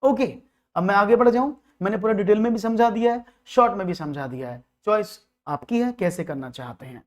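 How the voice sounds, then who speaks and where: This maths teacher talks briskly in a high-pitched, darkish voice full of lively intonation. In his online exam-prep class he goes through problems stepwise, drops in English expressions, and checks constantly that students are following.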